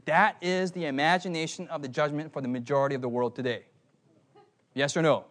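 A young man preaching a sermon, animated and often asking his listeners questions. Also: fairly high pitch, fairly quick. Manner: animated, asks the audience questions.

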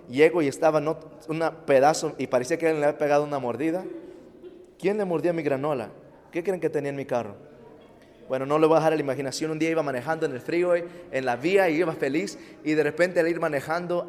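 A man telling a personal story in a sermon to young people, acting out his own lines with lively feeling. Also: on the high side, long reverb tail. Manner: animated, acts out quotes, addresses youth. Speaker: preacher.

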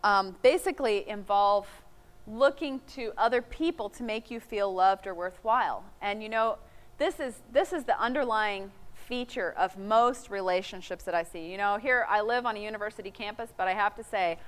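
A middle-aged woman teaching a sermon, earnest, quoting scripture and acting out quick asides. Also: medium pitch. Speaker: Bible teacher. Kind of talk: sermon talk.

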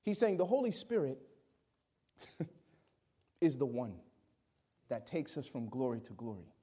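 A man preaching a sermon, swinging between loud exclamations and quiet asides and acting out the people he quotes. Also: medium pitch, very animated, slow, slightly rough. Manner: acts out quoted voices.

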